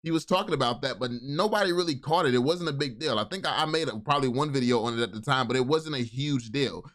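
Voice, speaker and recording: A man's voice: medium pitch, quick pace, fairly bright tone. Enthusiastic man commenting on a video. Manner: enthusiastic, repeats and restarts words. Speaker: crypto YouTube commentator.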